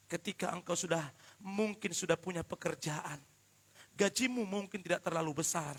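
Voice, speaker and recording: A man preaching a live worship sermon, joking with the congregation and swinging from quiet asides to shouted emphasis. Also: on the high side, vocal fry. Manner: addresses the congregation directly and often. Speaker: pastor.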